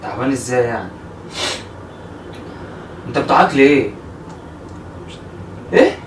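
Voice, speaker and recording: A man's voice: mid-range voice, animated, normal speed. A young man with an Egyptian accent, worriedly questioning and comforting his brother. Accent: Egyptian Arabic. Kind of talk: caught-off-guard conversation. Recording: distant roomy mic with room noise.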